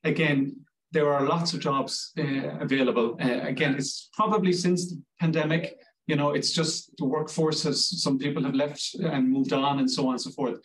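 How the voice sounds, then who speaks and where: A man's voice: fairly high pitch, fairly even intonation, moderate pace, roomy sound, recorded from a distance, low-quality recording. A man from Cork with an Irish accent, a language school director chatting reassuringly in an interview with many restarts. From Ireland, Cork. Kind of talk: promotional interview answers.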